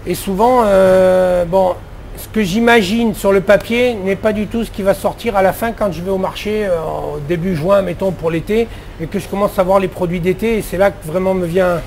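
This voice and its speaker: A middle-aged man with a fairly high voice talks casually about his work as a head chef. He answers in loose, chatty sentences full of fillers and restarts, with faint noise in the background. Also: creaky, a little mellow.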